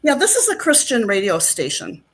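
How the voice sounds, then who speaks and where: In a casual interview, a middle-aged actress chats as a guest, wandering off topic with many fillers. Her mid-range voice swings hugely in pitch while her pace stays moderate.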